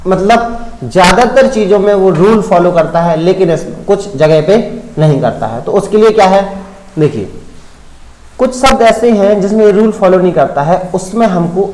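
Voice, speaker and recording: A man teaching an English grammar lesson, spelling words out letter by letter and often checking whether the point is clear. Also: high voice, expressive, moderate pace, darkish tone, echoey room, low-quality recording.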